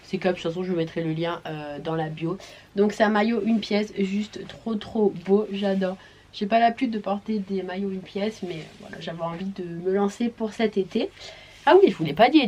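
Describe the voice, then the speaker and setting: Female vlogger, medium pitch, chatty and informal, sounding ill with a congested, croaky swollen-tonsil voice. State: sick with tonsillitis, swollen-throat hoarse voice. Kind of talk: casual vlog chat to camera.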